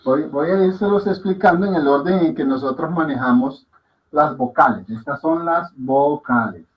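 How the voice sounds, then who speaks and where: A man's voice: a little high, normal speed, dull audio. A man teaching a language class in a patient way. He repeats sounds aloud and often checks that his students are following. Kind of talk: classroom lesson.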